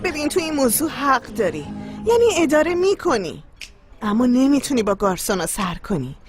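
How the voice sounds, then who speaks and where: A woman's voice: high voice, very animated. A woman dubbing a caring young friend who asks puzzled questions in a TV drama. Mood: concerned. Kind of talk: dubbed TV drama. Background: music.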